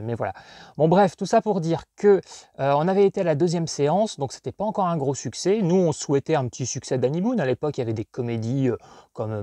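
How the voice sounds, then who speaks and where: A man's voice: mid-range voice, warm tone, no room sound. A man from northern France, chatting casually about his collection in a rambling, digressive way full of hesitations. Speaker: collector vlogger. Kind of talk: casual chat.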